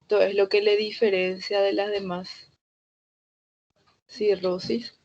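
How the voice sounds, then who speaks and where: A woman delivers a medical lecture in a steady, methodical way, working through terms one after another. Her voice sits at an ordinary middle pitch. The recording is dull and slightly lo-fi. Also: slow.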